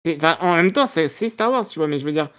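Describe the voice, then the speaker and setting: Low-voiced woman gushing on a podcast. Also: animated, fast talker, fairly bright tone. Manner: enthusiastic, gushing, many fillers. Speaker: podcast co-host. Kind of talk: casual podcast chat.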